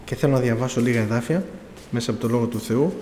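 A middle-aged man with a mellow, mid-range voice preaches a sermon testimony about his own life, quoting dialogue and pleading for emphasis. The recording has echo from the hall and faint room noise.

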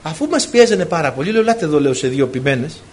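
A man's voice: on the high side, sing-song, a little mellow, slightly rough. A man preaching a sermon to his congregation, telling stories with emotion and acting out the dialogue. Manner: emotional storytelling, acts out dialogue.

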